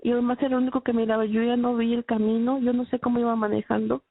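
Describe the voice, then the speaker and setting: A woman tells her religious testimony in a halting, heartfelt way, often restarting her sentences. Her voice sits a little high, with a husky, gravelly edge. The sound is dry and narrow, like a phone line. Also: little pitch movement, no echo. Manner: halting, emotional retelling with many restarts. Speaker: testimony speaker.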